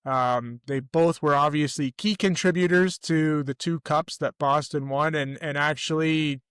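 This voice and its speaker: A middle-aged Canadian man co-hosts a casual sports podcast, telling rambling stories and correcting himself as he goes. His voice sits a little high and is somewhat bright and clean, with fairly even intonation and an unhurried pace. The recording is dry.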